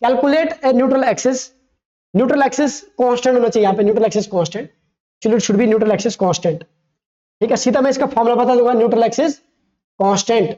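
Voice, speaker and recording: A man's voice: very high voice, a little fast, warm tone, dull audio. A man tutoring engineering students for an exam, asking rhetorical questions and repeating key terms as he works through problems, correcting himself casually as he goes. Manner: self-correcting, conversational teaching. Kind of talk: exam-prep lecture over a worked problem.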